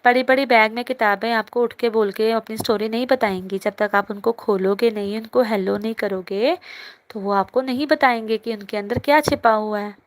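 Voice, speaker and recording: Reading student comments aloud from her phone's chat, a young teacher answers them playfully and chattily during a live online class. Her voice is a little high, with fairly even intonation and a moderate pace.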